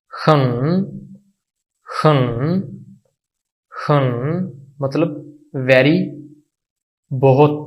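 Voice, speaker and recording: The audio is lo-fi as a man with a fairly high voice and a Pakistani Urdu accent runs an online language lesson. Patient and unhurried, he repeats each word as a drill.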